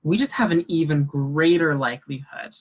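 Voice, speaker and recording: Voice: medium pitch, moderate pace, muffled recording. A workshop educator explaining a topic to students in a conversational way, with frequent ums and you-knows. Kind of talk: orientation workshop talk.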